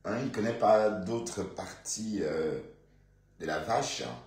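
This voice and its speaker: A man's voice: on the low side, slow pace, darkish tone, echoey room. A man from Bandundu with a Congolese French accent, rambling through casual live-stream gossip, full of fillers and asides to his viewers.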